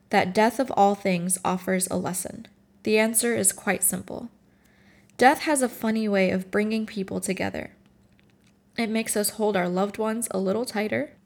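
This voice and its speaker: A woman in her late twenties from Morocco speaks through tears, worn out and emotional. She pauses and restarts often as she works through a personal reflection. At times she reads her own writing aloud. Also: mid-range voice. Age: 20s. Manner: halting and emotional, with frequent restarts. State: tearful and tired.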